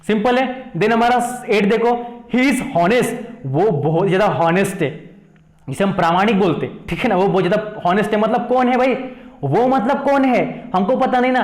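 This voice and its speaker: High-voiced Indian maths teacher, echoey room. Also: male voice, normal speed. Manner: repeats questions to students, coaxing "thik hai na". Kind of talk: explaining lesson in mixed Hindi and English.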